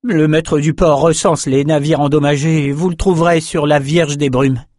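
A self-pitying male merchant whines, as a man reads him out in a storybook. The voice is pushed higher than the reader's own. The recording is dry and close. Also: level tone, normal speed, a little mellow, dry recording, close to an everyday voice. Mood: whining. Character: whining overdressed male merchant.

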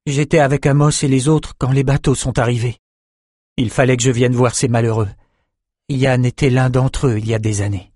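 A man's voice: mid-range voice, fairly even intonation, normal speed, a little mellow, no echo, clean studio sound, lightly acted. Audiobook: man doing a somber young swordsman. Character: young male swordsman, grim.

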